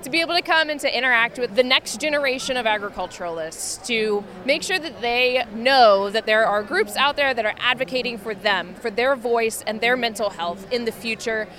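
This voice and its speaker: Upbeat bright-voiced woman at an expo. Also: on the high side, fairly quick, hardly any pauses. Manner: upbeat, optimistic, earnest. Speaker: farm stress outreach worker. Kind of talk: interview answers. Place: busy convention expo hall.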